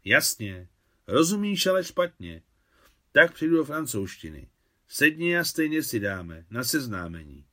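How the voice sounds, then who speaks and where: Man reading older widow, Russian émigré, gracious, gentle, courteous, mid pitch, audiobook. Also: very animated. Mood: warm.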